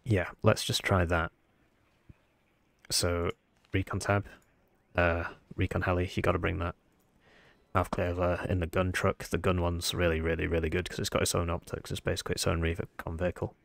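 A man with a croaky, froggy voice, sounding unwell, giving casual game commentary as he thinks aloud. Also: low-pitched, level tone, moderate pace, dry recording. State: under the weather, sick voice. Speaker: gaming video host.

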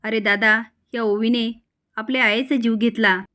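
A woman's voice: on the high side, fairly even intonation, a little slow, sharp tone. A woman voicing an angry middle-aged woman who shrilly accuses her family. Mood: angry accusing.

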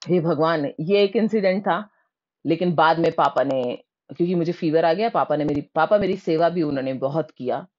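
A woman from Rajasthan telling her own childhood memories in a lively, animated way, slipping English words into her speech. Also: low-pitched, normal speed, dull audio. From Rajasthan, India. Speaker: storyteller. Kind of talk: personal storytelling.

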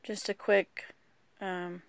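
Woman chatting about her card deck, hesitant, kinda gravelly, unhurried. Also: medium pitch, little pitch movement, dry recording. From rural United States. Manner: rambling, hesitant, lots of ums. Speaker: vlogger. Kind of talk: casual card walkthrough.

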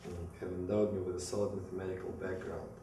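A man in his thirties from Moscow, Russia, with a Russian accent, reads a rehearsed self-presentation from notes as a business school applicant, his delivery halting and flat. His voice is low and mellow. He's in a small indoor room against a plain wall, recorded by a distant camera mic, so the sound is very echoey with some noise.

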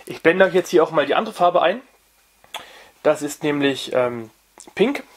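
Young man, fairly high voice, halting casual review, lots of fillers, camera mic at home. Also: expressive, slight background noise. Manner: halting, many fillers and restarts. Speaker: vinyl review channel host.

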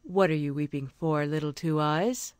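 A woman voicing a kindly wise old woman in a storybook, speaking calmly and reassuringly. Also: deep voice, normal speed, clean tone, dry recording, voice pushed down, natural voice. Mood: gentle.

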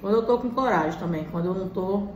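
A woman's voice: mid-range voice, fast talker. A Brazilian woman in her thirties making casual, short remarks to viewers while eating at home. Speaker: mukbang vlogger. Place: small indoor room at home. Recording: roomy echo, faint background noise.

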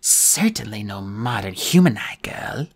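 A man's voice: on the low side, sing-song, a little slow, breathy edge, heavily acted. A man voicing a towering, ancient female cat goddess who speaks in a haughty, commanding way.

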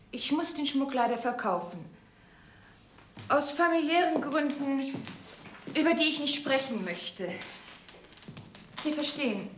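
A woman's voice: high voice, reverberant, a little hiss or hum. An actress playing a refined swindler who poses as a noblewoman, speaking in a genteel, discreet way.

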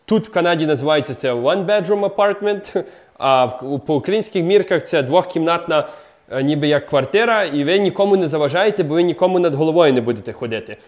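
A man's voice: on the high side, animated, fast talker. A young man casually showing a basement apartment on a handheld phone camera, chatty with many fillers and restarts. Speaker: vlogger giving a home tour. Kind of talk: casual walking tour vlog. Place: outdoors in snow, then indoors in a basement apartment.

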